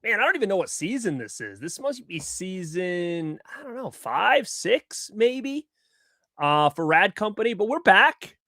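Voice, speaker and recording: Male livestream host, upbeat and animated, slightly high voice, close dry headset-mic sound. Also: unhurried, dry recording. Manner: upbeat, shouts out viewers by name. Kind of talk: casual live-chat greetings.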